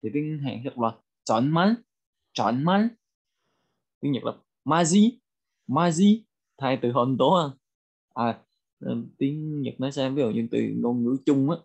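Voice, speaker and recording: A man with a Vietnamese accent teaching a bilingual vocabulary lesson, repeating each phrase slowly for learners. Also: mid-range voice, creaky, darkish tone, lo-fi sound. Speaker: language teacher.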